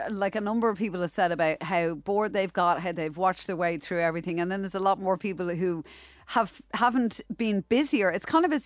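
A woman's voice: mid-range voice, no room sound. A woman with an Irish accent hosting a chatty radio interview. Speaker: radio host.

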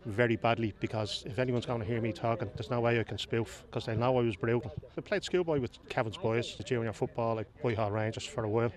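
A man's voice: medium pitch, fast, hardly any pauses, crowd noise. Wry joking Irish man. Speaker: amateur player. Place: outdoor park.

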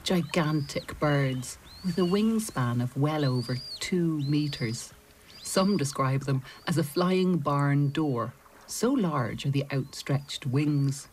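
Low-voiced woman narrating a nature documentary. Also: a little mellow, a little hiss or hum. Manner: measured storytelling delivery with deliberate pauses.

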